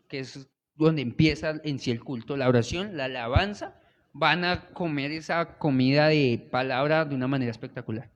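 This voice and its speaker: A young Colombian man delivers a sermon with a Colombian Spanish accent, his voice sitting a little higher than most men's. He keeps it conversational and keeps checking in with the congregation. The church hall rings with a long reverb behind him. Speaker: church worship leader preaching. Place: church sanctuary.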